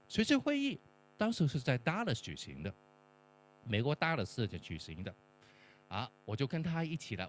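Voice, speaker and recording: A middle-aged man, a professor and church mentor, telling a testimony-style story and acting out the dialogue. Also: medium pitch. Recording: faint mains hum.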